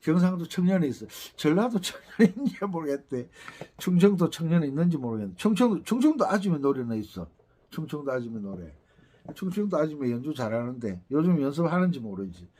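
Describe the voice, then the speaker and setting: A man's voice: on the high side, very animated, a little fast, dark tone, breathy edge. A middle-aged man with a Gyeongsang Korean accent, teaching an accordion lesson in a chatty, rambling way with teasing asides. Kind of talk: casual lesson talk.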